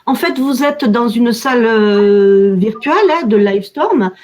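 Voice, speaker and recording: A woman with a southern French accent from the Midi-Pyrénées introduces and moderates a webinar, speaking in a measured way with frequent fillers. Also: a little high, darkish tone. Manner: measured, with frequent "alors" and "euh". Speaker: webinar moderator, communications officer.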